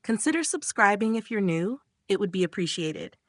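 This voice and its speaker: A woman's voice: mid-range voice, expressive, moderate pace, no room sound, studio quality. A woman narrating a manga recap in a casual, slangy way.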